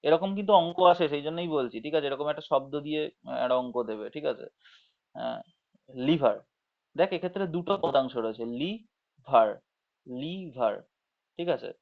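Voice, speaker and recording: A man teaching an online class to school students, explaining slowly, checking in with frequent tag questions and drawing words out syllable by syllable, on dull lo-fi audio. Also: on the high side, gravelly. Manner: drawls words out syllable by syllable when demonstrating.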